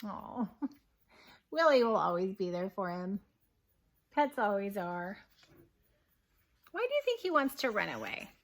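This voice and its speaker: A kindergarten teacher with a medium-pitched, sing-song voice gently reads a picture book, full of expression. She breaks off at points to quiz her young audience.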